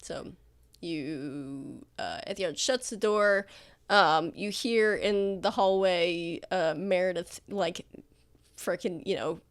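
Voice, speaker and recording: A woman's voice: lowish voice, slow, smooth. A woman acting as game master, improvising narration in an informal, conversational way. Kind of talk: casual improvised tabletop narration.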